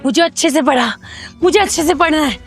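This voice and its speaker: A woman's voice: high-pitched, a little fast, soft background music, natural voice. A woman playing a study-obsessed teenage girl who repeats herself coldly and insistently in an amateur horror drama. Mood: frantic, pleading. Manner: repetitive, insistent, threatening. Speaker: daughter.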